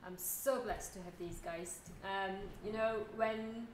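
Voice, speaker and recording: A woman hosting a concert, chatty and warm, talking with many fillers. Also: mid-range voice, fairly even intonation, slow pace. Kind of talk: spoken concert welcome. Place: church hall. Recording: roomy church echo, faint noise.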